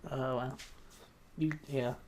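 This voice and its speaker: A man's voice: medium pitch, steady tone, slow, slight background noise. A man co-hosting a casual podcast, talking in a hesitant way with lots of ums and restarts. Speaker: podcast co-host.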